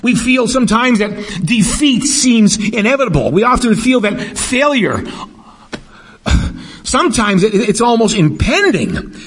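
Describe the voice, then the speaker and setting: A man's voice: extremely high pitch, big pitch swings, a little slow, a bit bright, slightly rough. A middle-aged man preaching a sermon, emphatic, often repeating words and asking the congregation questions. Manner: emphatic, repeats words while building a point.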